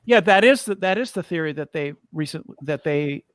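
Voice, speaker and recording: Brief: male debater, slightly high pitch, dry mic, eager and excitable. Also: moderate pace, no echo. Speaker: debate panelist. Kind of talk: casual panel chat.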